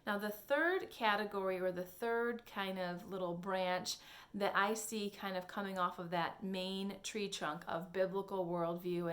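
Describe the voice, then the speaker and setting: A young adult woman giving homeschool curriculum recommendations in a casual, earnest way, hedging often and pausing with ums and restarts. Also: mid-range voice. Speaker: homeschool blogger.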